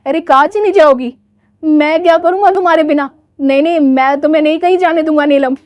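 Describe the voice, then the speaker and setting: A woman's voice: sits high, fairly quick, darkish tone, no room sound, close to an everyday voice. Affectionate young husband voiced by a woman, pleading, dry sound. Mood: doting.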